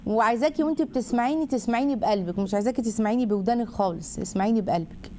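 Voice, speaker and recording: An Egyptian woman counsels a caller on a religious advice show. She speaks at a rapid clip in a somewhat high voice. Her manner is affectionate and animated, and she slips into acting out short exchanges. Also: slight background noise. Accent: Egyptian Arabic.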